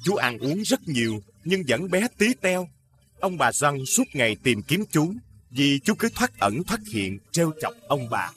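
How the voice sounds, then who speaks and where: Male fairy-tale narrator, lively intonation, measured. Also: on the high side. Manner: measured, storytelling. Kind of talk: scripted storybook narration.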